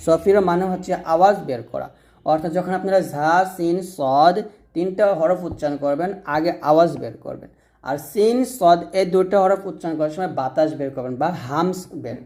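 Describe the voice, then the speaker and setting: Male recitation teacher, patient drill style, slightly high, mellow tone. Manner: patient, repetitive drilling with call-and-repeat prompts. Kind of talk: instructional lesson on Arabic letter pronunciation.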